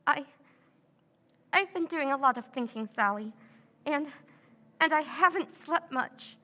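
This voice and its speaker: An actress in an old-time 1940s radio drama plays a scheming woman who feigns nervous distress, stammering, hesitating and pleading breathily. Her voice is high and sharp with lively intonation, a little slow and exaggerated, and the audio sounds dull.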